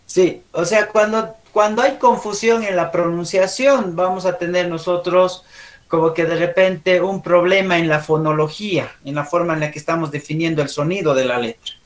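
A man's voice: high voice, fairly even intonation, normal speed. A man teaching an online language class, correcting pronunciation with a Bolivian Spanish accent and asking frequent check questions.

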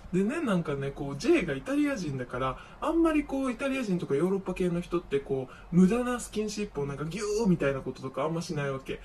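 Young male vlogger, high voice, campy animated gossip, set back from the mic with faint noise. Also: far from the mic. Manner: animated gossip with feminine speech style, acts out friends' lines. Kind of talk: casual storytelling monologue.

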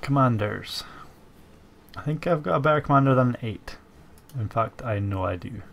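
With a medium-pitched, creaky, fairly bright voice, a man with a stuffy cold muses his way through strategy game commentary for his gaming channel, using many fillers. He speaks expressively at a normal speed over keyboard typing, and the sound is lo-fi.

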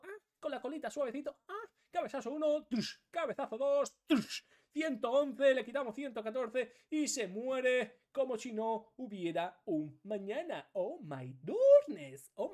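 A man commentating his own card game with swearing, sound effects and sudden shouts. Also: high voice. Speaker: gaming streamer.

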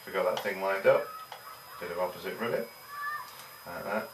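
A man's voice: sits low, normal speed. A middle-aged man casually reviewing a product at home, talking in a rambling way with many fillers. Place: small home room with desk and computer. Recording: roomy, distant camera audio, faint hiss.

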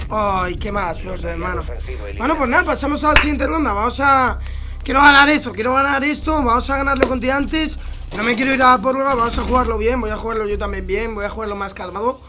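A man with a Spain Spanish accent doing live gameplay commentary as a gaming streamer. He is excitable, swears often and shouts quick callouts in English. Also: very high-pitched, background noise.

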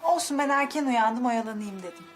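An actress playing a gentle, reserved young wife who speaks softly and hesitantly in a TV drama. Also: female voice, on the high side, lively intonation, fairly quick, distant mic, over music, natural voice. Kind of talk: TV drama acting. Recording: voice set back from the mic.

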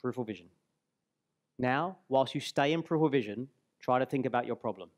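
A man in his forties giving a live seminar on a hall stage into a headset mic, guiding the audience through an exercise and slowing on key words. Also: mid-range voice. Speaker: speaker and trainer.

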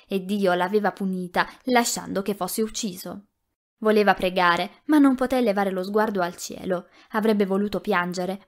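Woman narrating an audiobook, mid pitch. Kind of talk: scripted narration.

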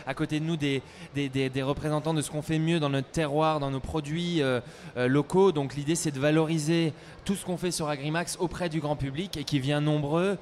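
A young man at a trade fair speaks eagerly into a handheld mic, often stumbling and repeating words. His voice sits a little high, with a faint hum of the hall behind him. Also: steady tone, brisk, darkish tone. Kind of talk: casual interview at a trade fair. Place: trade fair stage, indoors.

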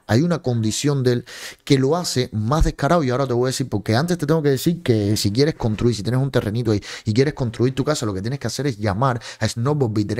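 A Cuban man with a medium-pitched, somewhat dark voice does sarcastic livestream commentary, mocking and scolding as he goes. He streams from a home room lit with colored lights, speaking into a large studio mic on a boom in front of his face.

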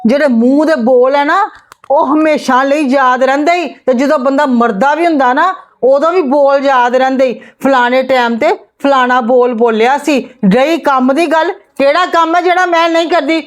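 A woman's voice: sits high, fairly even intonation, moderate pace, natural voice. A woman playing an overworked daughter-in-law who lectures and complains at her husband's sister in a family skit. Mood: indignant. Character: overworked, fed-up young wife arguing with her in-laws.

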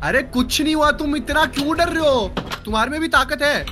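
A man role-playing in a block-building game, excitable, loud and bossy. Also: very high voice, a little fast, background noise. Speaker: game role-play player. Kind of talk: loud gaming role-play.

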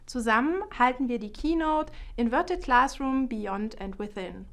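A middle-aged woman, a professor, speaking in a lively scripted video trailer, recorded in a studio on a lapel mic. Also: fairly high pitch, a little slow, creaky. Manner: lively, standing and gesturing while talking. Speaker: art education professor, keynote speaker.

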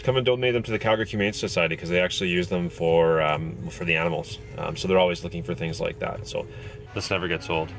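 A man in his thirties speaks low, quickly, and with a steady tone in a casual family-day vlog, with soft music playing in the background. He holds the camera at arm's length, recording in a van and then at home in the living room.

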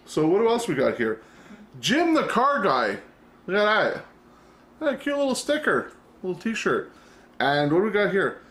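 Talking to camera at home, a middle-aged vlog host has a high-pitched, fairly bright voice whose pitch swoops wildly. He speaks a little slowly with long pauses, rambling, self-interrupting, and now and then cursing.

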